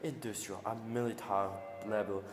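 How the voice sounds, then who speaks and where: A man's voice: lowish voice, fairly even intonation, normal speed. Man narrating an old newsreel, echoey. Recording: roomy long reverb over clear music.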